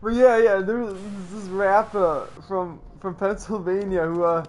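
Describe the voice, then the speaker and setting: High-voiced young man, playful wannabe tough guy gamer. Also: steady tone, a little slow, darkish tone. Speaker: let's play gamer. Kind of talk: casual gameplay commentary. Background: video game music and sounds.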